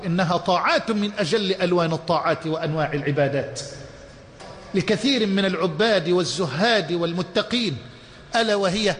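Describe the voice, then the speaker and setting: A man with an Egyptian Arabic accent preaching a sermon, fervent and slowing to repeat key sayings for emphasis. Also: high voice, a bit bright, in a large hall, slight background noise.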